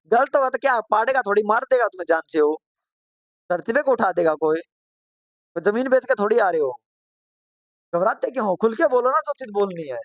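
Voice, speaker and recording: Teaching a computer course in a live online session, this man questions his class and then answers himself. He restates points, presses for fast answers, and offers mild reproach alongside encouragement. His voice is high and there's no echo.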